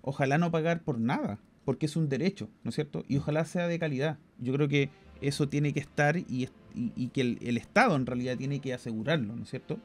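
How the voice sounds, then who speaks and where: Speaking fairly quickly with few pauses, a medium-pitched Chilean man co-hosting a podcast shares strong opinions in relaxed conversation. He has a Chilean Spanish accent and tends to repeat words as he thinks.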